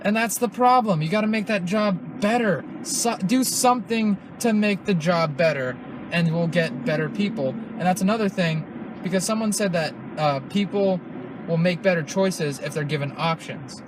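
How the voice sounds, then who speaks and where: A young male podcast host with a high-pitched voice talks at a moderate pace over a noisy background. He rambles through casual conversation, swears freely, and restarts often.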